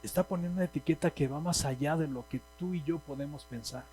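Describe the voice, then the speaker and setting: Mexican male preacher, emphatic, a bit high-pitched, faint hum on the recording. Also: quick pace, warm tone, poor audio. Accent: Mexican Spanish. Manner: emphatic, asks the congregation questions. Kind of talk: sermon. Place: church hall.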